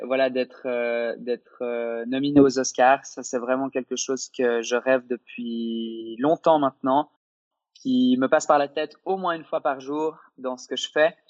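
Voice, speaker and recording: A young man from Switzerland speaks at a mid pitch. He talks in a hesitant, searching way, full of fillers and restarts. The sound is a little dull and dry. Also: no room sound. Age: young adult. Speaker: guest, aspiring actor. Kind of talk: casual interview answers.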